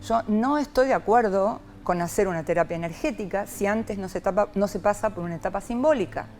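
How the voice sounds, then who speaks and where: Speaking briskly in a mid-range voice, this woman is a psychologist from Argentina being interviewed. Her reflective talk is expressive and animated, peppered with rhetorical "¿no?".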